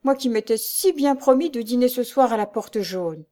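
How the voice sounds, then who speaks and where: Lively young seamstress, higher and chattier, as voiced by a woman reading. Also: moderate pace, natural voice. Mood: chatty.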